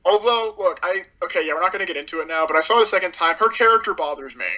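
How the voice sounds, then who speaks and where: A man's voice: sits high, rapid-fire, sharp tone. A young man co-hosting a podcast, chatting casually in a sarcastic, laughing, profane way. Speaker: podcast co-host. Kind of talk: casual chat. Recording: dull lo-fi sound.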